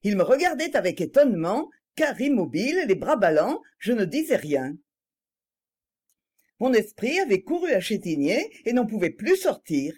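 Expressive woman reading a novel aloud. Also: mid-range voice, normal speed, slightly rough. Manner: expressive first-person storytelling. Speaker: narrator. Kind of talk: scripted audiobook narration.

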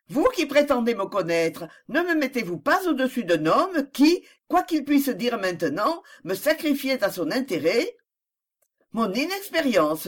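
The reader voicing a proud, wounded young woman who protests with impassioned questions in a novel reading. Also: medium pitch. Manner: impassioned, rising pleading questions. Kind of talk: audiobook character reading.

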